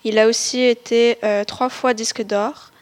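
A woman presenting a music artist in a read-out presentation, pausing often with filler sounds. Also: fairly high pitch, level tone. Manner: hesitant, many filler pauses. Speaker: presenter introducing a rapper. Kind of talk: read-out school-style presentation.

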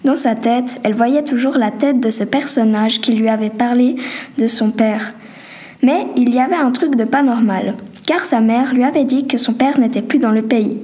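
A woman reading a homemade story aloud in a plain, slightly halting way. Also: fairly high pitch, warm tone.

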